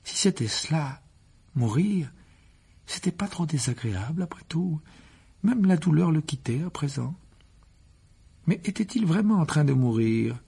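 A man's voice: a little high, expressive, unhurried, vocal fry, pauses often, dark tone, breathy edge. A man reading a fantasy novel aloud as narrator, telling it expressively and rising with the action. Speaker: audiobook narrator.

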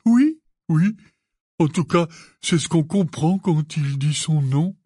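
A man doing a slow, stammering, anxious giant. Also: mid-range voice, a little mellow, dry recording, studio quality. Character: huge, anxious, tender-hearted half-giant man. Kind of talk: audiobook character reading.

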